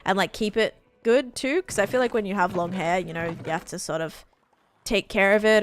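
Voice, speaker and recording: On a dry recording, a late-twenties Australian woman with a voice on the low side talks while streaming a game. Her chat is casual and rambling, packed with fillers.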